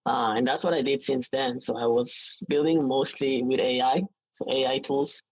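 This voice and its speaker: A man in his late twenties with an Israeli accent speaks casually as an interview guest, halting often and restarting his sentences. His voice is medium-pitched with a steady tone. The recording is low quality but has no echo.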